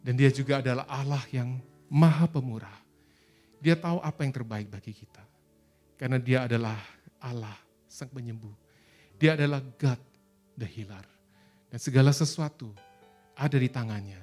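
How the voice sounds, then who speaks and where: A man's voice: medium pitch, moderate pace, pauses often, darkish tone, soft background music. A man with an Indonesian accent preaching a sermon as pastor, earnest and exhorting, telling stories.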